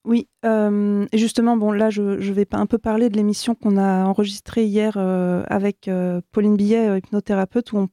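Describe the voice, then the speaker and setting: A woman hosts a panel discussion, tossing out questions to her guests and pausing to wait for answers. Her voice is mellow and warm, and it sounds dry and close to the mic. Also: medium pitch, no echo. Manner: prompts the panel with questions, halting. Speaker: host.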